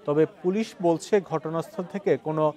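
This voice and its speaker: Higher-voiced Bangladeshi man reading news. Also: normal speed, warm tone, a faint crowd. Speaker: news reporter. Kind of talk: scripted news narration.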